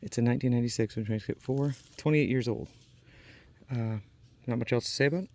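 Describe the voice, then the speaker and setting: Speaking fast in a mid-range, darkish voice, a young vlogger wanders an abandoned film set, both outdoors and in an empty building, on a handheld camera. His walk-and-talk is loose, filler-heavy and sprinkled with casual swearing, over slight background noise.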